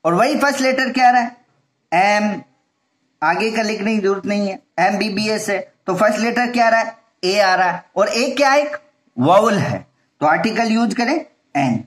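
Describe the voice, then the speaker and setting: A man's voice: high-pitched, expressive, normal speed, fairly bright tone. A male teacher giving a grammar lesson, explaining step by step and answering his own questions.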